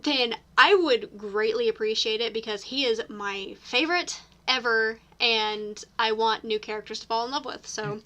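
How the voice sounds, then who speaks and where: A woman's voice: a little high, moderate pace, few pauses, a bit bright. A woman co-hosting a casual gaming podcast, chatty and eager. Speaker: podcast co-host.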